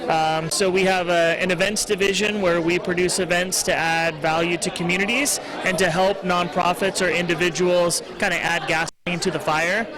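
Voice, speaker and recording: A man's voice: sits high, steady tone, normal speed, few pauses, low-quality recording. A man earnestly explaining things as a guest in a casual interview. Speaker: interview guest, show founder. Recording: event crowd noise behind.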